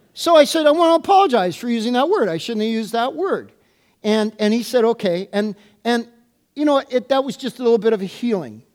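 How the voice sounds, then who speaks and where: A middle-aged man, a pastor, preaching a sermon and telling a personal story, acting out the dialogue with lively delivery. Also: very high-pitched.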